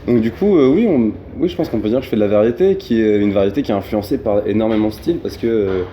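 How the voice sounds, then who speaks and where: Low-voiced Parisian French man, casual and hesitant. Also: lively intonation, quick pace, dark tone, slight background noise. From Paris region, France. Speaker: pop singer being interviewed. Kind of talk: casual interview chat.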